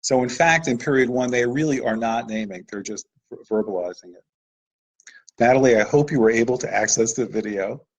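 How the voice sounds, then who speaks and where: A man's voice: medium pitch, a little fast, husky, rough recording. A man presenting a live webinar lesson over slides, explaining patiently with occasional "uh"s.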